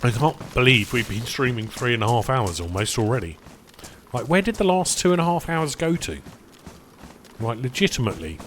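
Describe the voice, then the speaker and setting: A man's voice: medium pitch, sing-song, normal speed, a bit bright, a little hiss or hum. Rambling man streaming a game. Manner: rambling, chatty, addresses chat as "boys"; talks while eating, mouth full at times. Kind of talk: casual live-stream chat.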